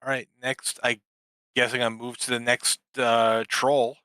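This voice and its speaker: A man's voice: mid-range voice, flat delivery, a little slow, pushed and bright, clear, resonant tone, no room sound, low-quality recording. A man playing in a tabletop game, talking through his moves hesitantly and trailing off. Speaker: player. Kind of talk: casual tabletop play.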